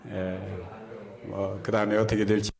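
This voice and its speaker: A man's voice: fairly low pitch, little pitch movement, normal speed, gravelly, a little mellow. A man preaching a sermon as pastor, folksy and chatty, often checking in with his listeners. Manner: folksy, keeps asking the congregation "right?".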